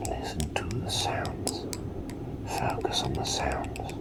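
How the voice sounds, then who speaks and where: A man voicing a courteous, inquisitive plague doctor in a soft, repetitive, soothing ASMR whispered role-play. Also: close to an everyday voice. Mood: playful, soothing. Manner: soft, unhurried, gently repetitive and formal. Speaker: ASMR performer.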